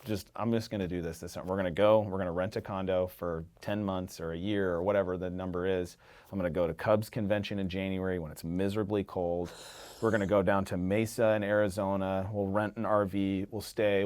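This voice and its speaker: A man chatting as a podcast guest, a rambling, animated storyteller who swears casually. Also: low-pitched, brisk. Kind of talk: casual conversation.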